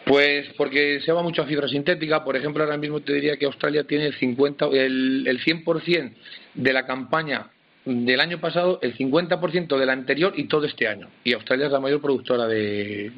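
A man's voice: mid-range voice, fairly even intonation, a little fast. A man who farms sheep and cattle, talking plainly and hesitantly in a radio interview, often restarting his sentences. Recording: dull lo-fi phone line.

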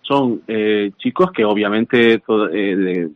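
A man, a seminary rector, answering an interview haltingly with many restarts. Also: fairly low pitch, dry recording, narrow, tinny audio. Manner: halting, full of restarts and fillers.

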